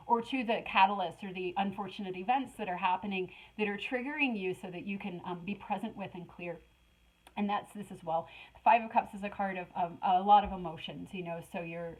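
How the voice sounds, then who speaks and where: A woman's voice: medium pitch, rough recording. Middle-aged woman, tarot reader, chatty and rambling, ordinary mid-range voice. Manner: animated, rambling, with frequent fillers and laughs. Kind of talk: casual spiritual collective reading.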